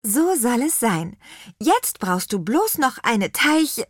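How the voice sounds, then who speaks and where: A woman's voice: on the high side, big pitch swings, takes it slowly, no room sound, studio quality, voice pushed up, exaggerated voice. A woman voicing a kind, caring witch who heals and casts rhyming spells in a storybook. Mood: reassuring.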